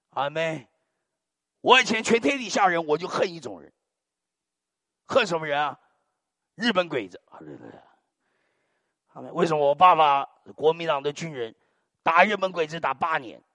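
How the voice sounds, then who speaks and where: A man's voice: on the high side, no room sound, clean studio sound. An older man preaching a sermon, telling dramatic stories and muttering hallelujahs between lines. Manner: animated, dramatic storytelling peppered with muttered hallelujahs.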